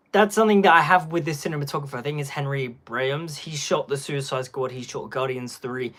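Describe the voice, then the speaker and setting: A man's voice: on the high side, fairly bright tone. A young man giving casual live-stream commentary on a phone, rambling and packing his talk with filler words.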